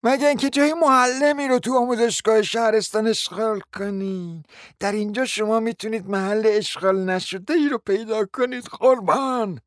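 A man's voice: lively intonation, dry recording, studio quality. Man doing a sugary, mocking young lady. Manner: high sugary falsetto, teasing. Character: young woman, sweet-voiced and mocking.

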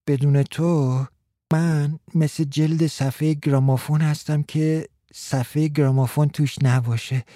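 A man's voice: a little high, dark tone, dry recording, studio quality, close to an everyday voice. A man voicing an anxious, lovesick young shop clerk in an audiobook, earnest and fretful. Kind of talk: audiobook character reading.

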